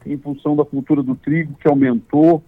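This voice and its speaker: A man from Santa Catarina, speaking over a landline phone as a farm association president in an interview, plain-spoken with halting restarts. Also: on the high side, little pitch movement, no echo. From Santa Catarina, Brazil. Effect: over a landline phone line. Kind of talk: phone interview, casual explanation. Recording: tinny dry phone line.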